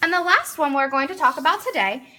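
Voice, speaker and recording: Teacher demo: woman, high and bright, explains step by step, coaches a student. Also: lively intonation, fast. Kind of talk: instructional demonstration.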